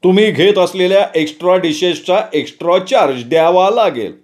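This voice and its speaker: A man's voice: high-pitched, brisk, darkish tone, pitched above the performer's own voice, lightly acted. Man doing a flustered hotel manager. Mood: exasperated. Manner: exasperated, pleading. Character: flustered middle-aged male hotel manager.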